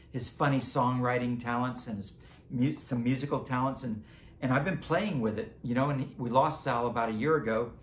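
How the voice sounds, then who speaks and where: A creator and seller of animatronic band items chats casually in an unboxing vlog, his mid-range voice cracking and fading as he loses it. He rambles, chuckles and corrects himself, in a reverberant recording with a little hiss or hum.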